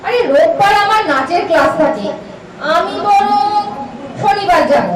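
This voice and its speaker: Woman playing a bold, high-pitched young Indian Bengali bride-to-be. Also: expressive, a little slow. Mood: breezy, assertive. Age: young adult. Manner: chatty, teasing, bossy. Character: bold, teasing young prospective bride, demanding and inquisitive. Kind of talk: light romantic comedy drama acting. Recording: echoey room, distant mic, clear background noise.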